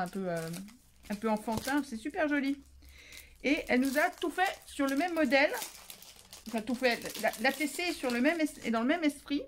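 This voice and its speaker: Chatty, playful woman crafter, slightly high. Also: slight background noise. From France. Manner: chatty, playful, self-mocking, exclaiming. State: tired, voice going. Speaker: craft channel host. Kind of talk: casual chat while opening mail.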